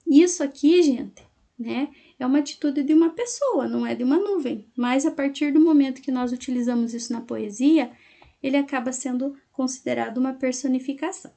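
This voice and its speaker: A woman teacher explaining a lesson to her class slowly, syllable by syllable, and checking in often with her students. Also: high voice, gravelly, warm tone.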